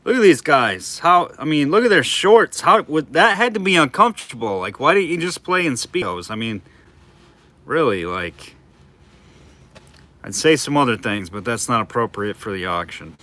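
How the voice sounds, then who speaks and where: A man hosting a live online auction, chatting casually with viewers between quick bid calls. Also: mid-range voice, big pitch swings, bright, forceful tone. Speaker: livestream auctioneer.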